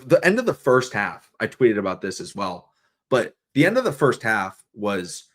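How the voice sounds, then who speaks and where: A young man with a somewhat low voice, venting on a casual live stream. He talks in animated, frustrated bursts, swearing freely and restarting his sentences. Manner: frustrated, profane, animated ranting. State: coughing, throat irritated. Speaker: sports fan streamer.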